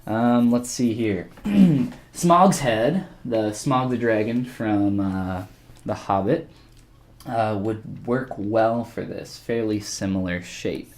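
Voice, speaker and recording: A man giving a casual live-stream tutorial while he sculpts, relaxed and rambling as he thinks aloud and answers chat. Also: on the low side, slow pace.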